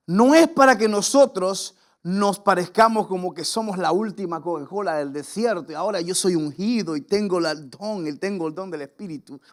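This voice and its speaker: A man's voice: high-pitched, fairly bright tone. A Venezuelan man in his forties, a pastor preaching an impassioned sermon and having the congregation repeat lines after him. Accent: Venezuelan Spanish.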